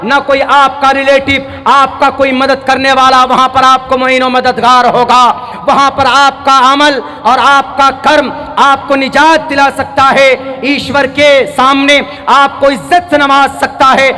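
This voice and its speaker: A crowd hears a fiery sermon from a preacher whose voice is very high and forceful, heard through noisy, heavily reverberant PA sound. He declaims emphatically, stressing points by repeating phrases, and weaves English words in among scripture recitation.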